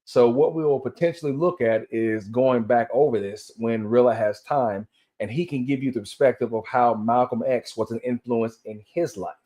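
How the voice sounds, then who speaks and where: At a normal speed, this man speaks in a mellow, mid-range voice while hosting, reading aloud, and giving relaxed commentary. Dental aligners slightly blur his articulation, and he sometimes trips on words before correcting himself.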